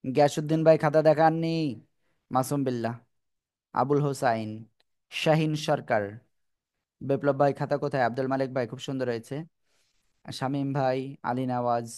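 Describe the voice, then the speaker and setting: A man's voice: mid-range voice, expressive, moderate pace, pauses often, a little mellow, clean tone. A man teaching an online class over a video call, repeating his instructions and encouraging the students.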